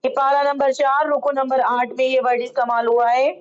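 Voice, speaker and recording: A woman teaching how to read Quranic script, explaining each rule slowly and patiently and drawing out the words she recites. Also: high voice, little pitch movement, lo-fi sound. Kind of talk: online Quran reading lesson.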